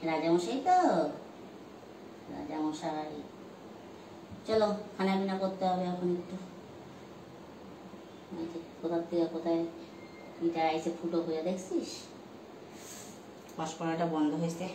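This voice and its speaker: A woman's voice: fairly low pitch, fairly even intonation, unhurried, long pauses, far from the mic. A woman chatting casually while tending to her dogs, coaxing and scolding them as she goes. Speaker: vlogger caring for stray dogs. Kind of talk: casual chat with pets. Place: outdoors with dogs. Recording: roomy, off-mic phone audio with loud background noise.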